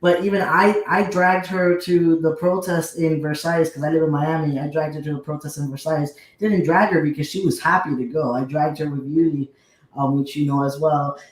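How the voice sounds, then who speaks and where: Young man, eager guest, higher-pitched, echoey room sound. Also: fairly even intonation. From United States. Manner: eager, talks in rushes with many restarts. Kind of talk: casual conversation. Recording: roomy echo.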